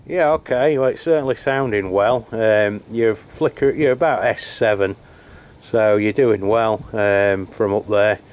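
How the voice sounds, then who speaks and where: Speaking with a fairly low, clear, resonant voice at a measured pace, a channel host tests CB radios on a rainy hilltop. Holding a handheld radio, he's picked up by a camera mic, chatting in a relaxed, hesitant way with many fillers.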